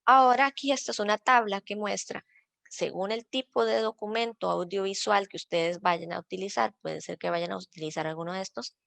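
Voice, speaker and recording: A woman's voice: mid-range voice, fairly quick, vocal fry, fairly bright tone, dry recording. A woman from Rica, a librarian patiently explaining citation rules step by step in an online workshop. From Costa Rica. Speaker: librarian teaching citation style.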